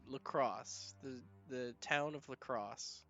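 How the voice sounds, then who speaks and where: Game master, male, bright sharp voice, chatty, laughs a lot between ums. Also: medium pitch, slow, highs cut off, faint music behind. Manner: chatty, frequent laughter and filler words. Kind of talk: narrating a tabletop game.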